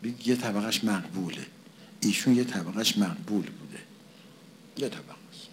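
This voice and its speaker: A man's voice: fairly low pitch, lively intonation, a little hiss or hum. A man preaching a conversational sermon, asking and answering his own questions and repeating phrases for emphasis.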